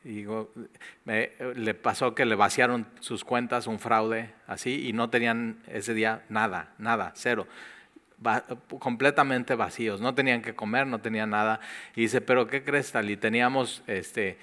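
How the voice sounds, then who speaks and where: A male pastor with a Mexican Spanish accent delivering a sermon. His voice is bright and clear, and he keeps the tone conversational and lively, acting out little quoted asides as he talks. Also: fairly low pitch, normal speed.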